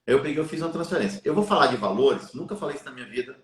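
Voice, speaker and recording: A man's voice: medium pitch, lively intonation, rapid-fire. Earnest man telling a faith story, echoey room. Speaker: live stream guest. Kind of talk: storytelling in a live chat.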